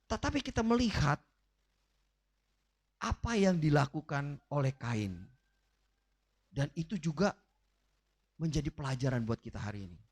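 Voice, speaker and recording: A man's voice: a little high, a bit bright. A man preaching a sermon with an emphatic, rising and falling delivery, often turning directly to his congregation. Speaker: pastor. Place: church livestream.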